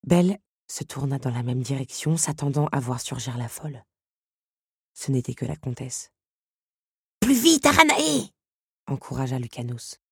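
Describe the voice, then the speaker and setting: A woman narrating a storybook in a steady, measured reading voice. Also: rumbling low, slightly rough, no echo, studio quality. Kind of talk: audiobook reading.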